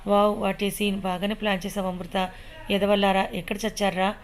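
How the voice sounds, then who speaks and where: Woman doing a male villain, taunting, threatening, monotone. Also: mid-range voice, fairly quick, lightly acted. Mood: menacing. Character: menacing young male villain, possessive.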